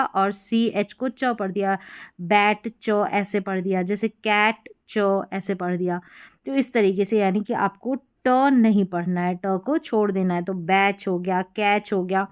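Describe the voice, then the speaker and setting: A woman's voice: mid-range voice, smooth. A woman teaching English spelling to beginners, patiently repeating each word and asking learners what to read.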